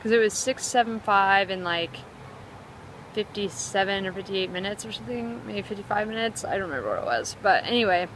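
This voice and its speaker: Casual woman vlogger, mid-pitched, chatty and excitable, heavy on fillers, recorded outdoors on a handheld phone with faint background noise. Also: fairly quick. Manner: excitable and upbeat. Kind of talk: casual vlog chat. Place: outdoors by a river.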